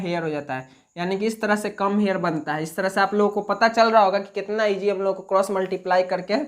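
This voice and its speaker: A man teaching a basic spoken English lesson in Hindi, explaining step by step and answering his own questions. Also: sits high. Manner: repetitive, plain classroom talk.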